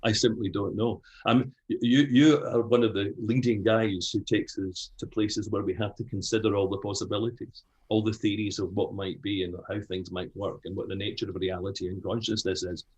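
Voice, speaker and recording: A man's voice: fairly low pitch, little pitch movement, brisk, hardly any pauses, a little mellow, husky, low-quality recording. A Scottish man, older, speaking frankly as an interview guest, with many restarts. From Scotland. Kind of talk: conversational interview.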